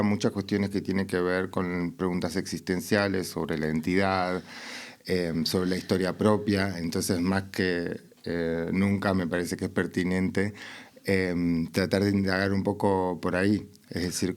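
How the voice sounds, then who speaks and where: A man, a podcast host asking long, rambling questions full of fillers. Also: deep voice. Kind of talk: interview.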